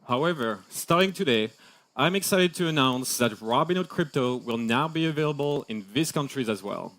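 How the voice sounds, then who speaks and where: Male keynote presenter, French accent, lively pitch, playful and engaging. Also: normal speed. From France. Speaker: crypto executive presenter.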